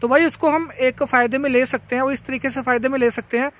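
This farming vlogger talks fast in a very high-pitched, somewhat bright voice with a steady tone. Standing outdoors next to a tractor by a green field, he demonstrates a product in a relaxed, chatty way, repeating himself a lot and addressing viewers as brothers.

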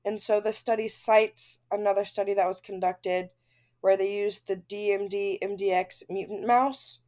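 A woman with a groggy, congested voice from the flu, giving a recorded class presentation in a steady explanatory way. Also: mid-range voice. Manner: steady explanatory reading, frequent "going to". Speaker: student presenter.

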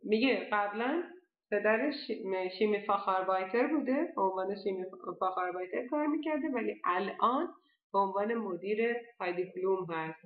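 Woman teaching a language class, slow careful words, muffled echoey recording. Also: medium pitch. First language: Persian. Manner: patient, explains step by step, slow careful German words. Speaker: German teacher. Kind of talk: online language lesson. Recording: dull lo-fi echoey room.

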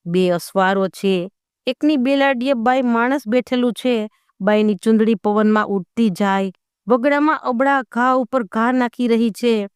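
A woman narrates a folk tale with expressive storytelling, voicing characters along the way. Her voice sits a little high and comes across smooth and crisp. The recording is close and dry, with no room sound. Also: unhurried, no room sound.

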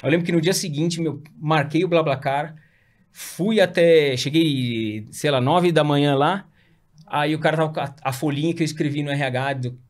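A man's voice: a little high, moderate pace. A man, a guest telling his career story in a casual interview, slangy and self-deprecating with lots of fillers. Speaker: guest entrepreneur.

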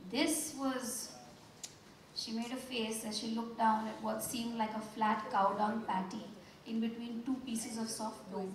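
A woman reading a novel aloud at a book launch, measured and savoring the descriptions. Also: a little high, darkish tone, slight background noise. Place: book launch event hall. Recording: echoey hall, mic from far off.

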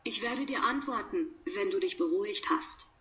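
A woman reads short example sentences aloud for a language lesson. She speaks slowly and deliberately, pausing between sentences. Her voice sits at an ordinary middle pitch. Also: lively intonation, fairly bright tone.

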